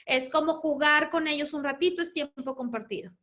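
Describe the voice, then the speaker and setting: A woman's voice: sits high, fairly quick. A woman with a Mexican accent, a mother herself, explaining family topics to parents at a conference, sometimes acting out her children. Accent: Mexican Spanish. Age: adult parent. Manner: warm explanatory, acts out children's voices.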